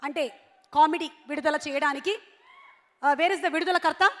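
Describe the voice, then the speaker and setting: A woman's voice: high-pitched, moderate pace, a bit bright. A woman anchoring a film event on stage, formally welcoming guests in a reverberant hall. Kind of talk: stage announcing.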